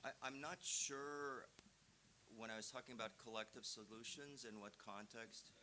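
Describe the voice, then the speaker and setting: In a seminar room, a man from Romania, a visiting professor giving a guest lecture, answers questions emphatically and conversationally, using examples to explain. His steady, medium-pitched voice is bright and forceful at a moderate pace, on a low-quality recording with clear background hiss.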